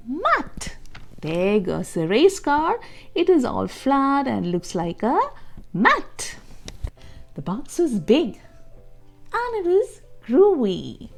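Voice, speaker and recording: A woman whose voice is a little high and a little mellow hosts a storybook reading for children. She reads with expression and intention, stopping to explain and to ask young listeners questions.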